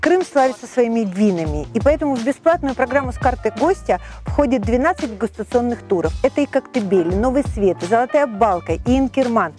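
A bubbly woman from Crimea presents a travel promotion with a fairly high, lively voice that climbs and dips constantly. Music plays clearly behind her. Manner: bubbly, expressive. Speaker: tour presenter.

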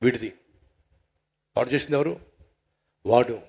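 A middle-aged male pastor telling a story in a sermon, animated and asking his audience rhetorical questions. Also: medium pitch, measured pace, gravelly, slightly rough.

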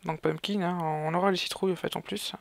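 Rambling man narrating his gameplay, gravelly voice. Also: sits high, steady tone, fast talker. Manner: rambling, hesitant, with many fillers and self-corrections. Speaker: gaming video host. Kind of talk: casual gameplay commentary. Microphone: raised gaming mic.

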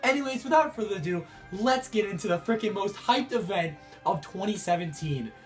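A young man vlogging about video games, sick with a cough and a rough voice, talking in an excitable, rambling way. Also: high voice, brisk, faint music behind. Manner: excitable, rambling, many restarts. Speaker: gaming YouTuber. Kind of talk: excited casual vlog to camera.

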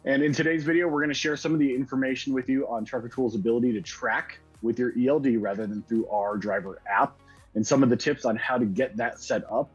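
A man's voice: mid-range voice, steady tone, fast talker, husky, highs cut off, faint music behind. A man in his thirties hosting a company video interview over a video call, upbeat and conversational. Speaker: host.

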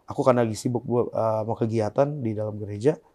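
A young man as an interview guest, telling a painful personal story in a soft, subdued way that often trails off quietly. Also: fairly low pitch, steady tone, fast.

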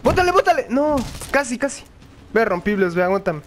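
A young man giving excited, joking commentary while he plays a video game, often yelling and laughing. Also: extremely high pitch, fairly quick, a little hiss or hum. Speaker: gaming video host. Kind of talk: live gaming commentary.

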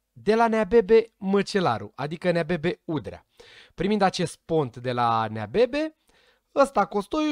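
Chatty man with a fairly high voice. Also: dry recording, clean studio sound. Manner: chatty, speculative, stumbles over names. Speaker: vlogger reacting to a series trailer. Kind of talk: casual commentary addressed to viewers.

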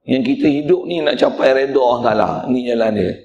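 A man's voice: mid-range voice, brisk, a little mellow, roomy sound, lo-fi sound, a little hiss or hum. A male religious teacher, giving a mosque lecture in a blunt, teasing way and speaking straight to the congregation.

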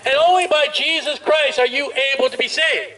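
Heard distantly amid ambient noise and a faint crowd, a man preaches at a busy street festival through a portable speaker. His very high-pitched voice is loud and emphatic, pounding out drawn-out phrases.

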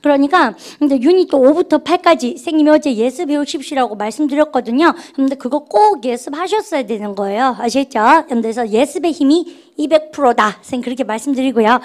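A woman with a notably high voice teaches a grammar lecture, drilling the class through call-and-response prompts and calling herself the teacher. She's chatty and playful, brisk with few pauses, and her tone is a little mellow.

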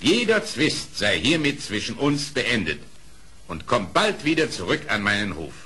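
An actor playing a dignified, gracious animal king in a radio play, with a husky, stately delivery. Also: medium pitch, sing-song, sharp tone, full character voice. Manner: stately, measured, pompous. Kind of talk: German radio play acting.

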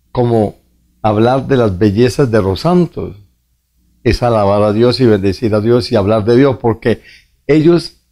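Priest telling a story slow and earnest, warm mellow voice. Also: male voice, medium pitch. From Colombia. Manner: slow, earnest storytelling, addressing the viewer directly. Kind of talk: preaching testimony.

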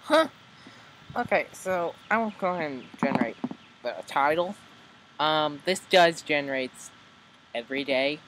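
A man hosting a video, casually commenting with many hesitant ums as he tries out story software. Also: fairly high pitch, expressive, a little slow, long pauses, background noise.

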